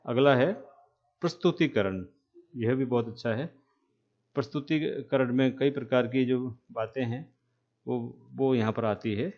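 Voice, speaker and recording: A man lecturing trainee teachers, speaking slowly and repeating key terms, with frequent checks that the class is following. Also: mid-range voice, highs cut off. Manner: asks "है ना?" to check understanding.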